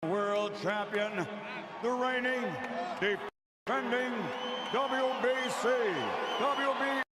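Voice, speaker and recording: A man working as a ring announcer, stretching out shouted introductions in a boxing arena. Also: very high voice, fairly even intonation. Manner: drawn-out, shouted, bilingual calls. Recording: loud arena crowd, heavy noise.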